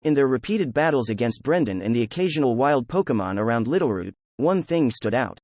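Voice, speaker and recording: A man narrating a fan fiction audiobook in an even storytelling delivery. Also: medium pitch, a little fast, dry recording. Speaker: audiobook reader.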